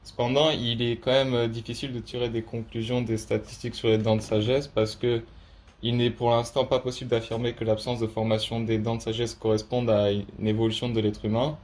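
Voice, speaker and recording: A young man giving a prepared student presentation in a halting way, with very frequent hesitations. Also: medium pitch, flat delivery, a little mellow, a little hiss or hum.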